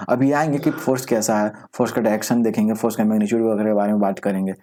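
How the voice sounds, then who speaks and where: A man teaching a school science class online, often asking rhetorical questions and mixing in English terms, reading definitions out slowly. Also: on the low side, steady tone, mellow. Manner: explains with frequent rhetorical questions. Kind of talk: recorded online class lecture.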